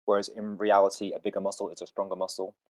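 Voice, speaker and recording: A man's voice: fairly low pitch, completely flat delivery, fast talker, a little mellow, dry recording, low-quality recording. A man hosting a casual fitness podcast, confidently explaining training ideas to a caller over a voice call. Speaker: podcast host answering fitness questions.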